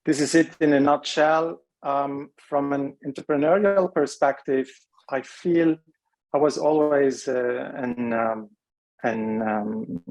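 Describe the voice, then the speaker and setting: Thoughtful male interview guest, mid-pitch. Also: a little mellow, low-quality recording. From Lebanon, raised in Switzerland. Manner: measured, thoughtful, pauses to search for words. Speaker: guest, rehab center CEO. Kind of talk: reflective interview answers.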